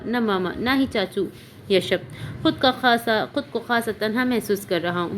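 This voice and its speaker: A woman's voice: mid-range voice, a little hiss or hum, natural voice. A woman voicing a young groom who speaks in an earnest, sometimes playful way.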